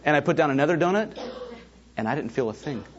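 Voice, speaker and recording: A man's voice: a little high, quick pace, highs cut off, slight background noise. A middle-aged man preaching a sermon, telling personal stories with asides to the congregation. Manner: animated storytelling with asides to the congregation. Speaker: pastor.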